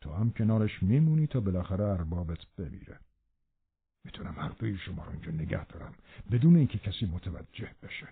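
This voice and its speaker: A man's voice: sits low, very animated, creaky, slightly rough, pitched below the performer's own voice, exaggerated voice. A man reading aloud, voicing a cruel, domineering man who speaks harshly and with scorn in an audiobook. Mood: scornful. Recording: narrow phone-like band.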